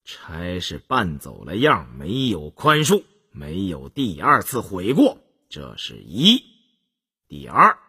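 A man reading an audiobook voices a cold, strict imperial prince who speaks low, slow and severe. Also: huge pitch swings, gravelly, bright, forceful tone, husky, full character voice. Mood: stern, cold. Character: cold, stern imperial prince laying down rules.

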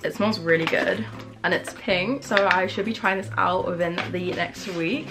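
A young English woman, a lifestyle vlogger, chats casually to the camera from her small home bedroom and kitchen. Her voice is lowish and her pace moderate, bubbly and gushing with lots of "like," all over loud music.

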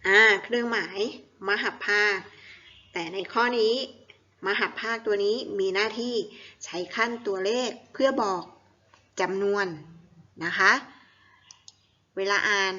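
Woman, primary school teacher, bright voice, very slow syllable-by-syllable reading, quizzing students, slightly muffled recording. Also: mid-range voice, fairly even intonation. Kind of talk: classroom lesson, reading exercises aloud.

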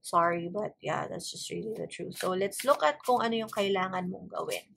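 A woman's voice: medium pitch, fairly quick, gravelly, fairly bright tone, a little hiss or hum. A woman with a Filipino accent gives a casual tarot reading, switching between English and Tagalog in the middle of her sentences. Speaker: tarot card reader. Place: indoors at a wooden table, hands and cards seen from above.

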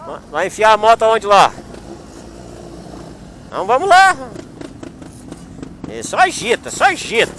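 A man's voice: sits high, wildly swooping pitch, a little slow, long pauses, fairly bright tone, a little hiss or hum. A man speaking, vlogging outdoors at a motorcycle meetup and teasing friends in a joking mock confrontation. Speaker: motovlogger. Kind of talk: casual vlog chat.

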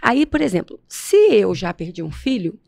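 A woman's voice: mid-range voice, animated, normal speed, vocal fry, a little mellow, dry recording, clean studio sound. A woman with a Brazilian Portuguese accent, a podcast guest speaking frankly and emphatically. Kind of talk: casual conversation.

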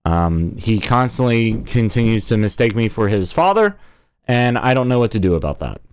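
A man streaming from home in casual chat, jokey and animated, talking to his viewers and his pets. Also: lowish voice, normal speed, smooth. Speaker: streamer and voice actor. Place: at home, indoors.

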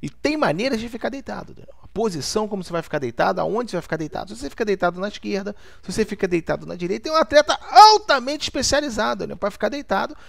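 A man's voice: high voice, animated, racing, gravelly, few pauses. A man co-hosting a comic sports chat, playing a clumsy pundit who stumbles and stammers over every name. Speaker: comedy show co-host.

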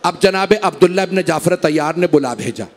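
A man's voice: sits high, fairly quick. A man reciting a Muharram majlis, impassioned and pleading with the gathering. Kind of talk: emotional Muharram majlis sermon. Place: imambargah gathering.

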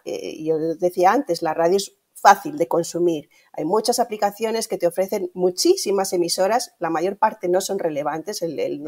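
Joining an interview by video call from an indoor room, a middle-aged Spanish radio streaming executive explains things with a Castilian accent, frequently closing phrases with tag questions. Her voice is lowish and a little mellow.

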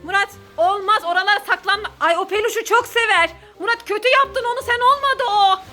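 Gaming host woman, squealy and giggly, very high bright voice. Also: brisk, soft background music. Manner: excitable, shrieking, giggly. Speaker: game player and host. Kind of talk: narrating a game while playing.

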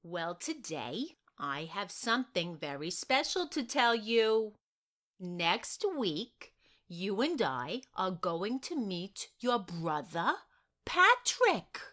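A woman playing a friendly social worker who talks softly and gently to a child. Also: medium pitch, sing-song, slow pace, exaggerated voice. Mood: gentle. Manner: gentle, soft, speaking to a child.

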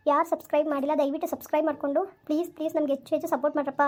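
A woman host acting out an anxious, possessive mistress of the house in an amateur family drama. Her voice is high and her speech quick and fretful. She turns to her viewers to ask for support. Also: little pitch movement. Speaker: channel host and actor.

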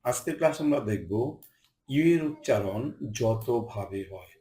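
A man teaching English pronunciation in Bengali in a recorded online lesson, saying each example word slowly and repeating it. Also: lowish voice, expressive, warm tone, roomy sound, poor audio. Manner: slow, deliberate, repeats each word twice.

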